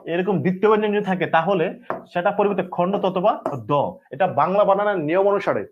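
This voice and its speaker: A man with a Bangladeshi Bengali accent teaches an exam-prep grammar lesson, drilling spellings and answering his own questions. His voice sits high for a man. The audio is a bit dull and lo-fi.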